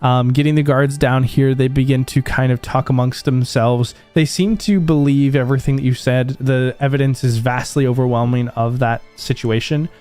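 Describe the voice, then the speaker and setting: A man's voice: medium pitch, moderate pace, hardly any pauses, clean tone, soft background music. Man narrating as game master. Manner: relaxed, many ums and kind-ofs.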